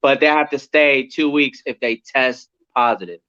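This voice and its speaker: Speaking at a moderate pace in a clean, mid-range voice, this man is a Puerto Rico-born actor who grew up near Atlanta. He's a laid-back, talkative guest on a video call who laughs easily, and the call audio is low-fidelity.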